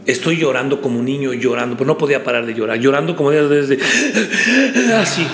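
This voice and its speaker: A man, a preacher guest on a podcast, telling a personal story in an animated way, often repeating words and acting out quotes. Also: mid-range voice, racing. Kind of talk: casual storytelling chat. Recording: echoey room with faint background noise.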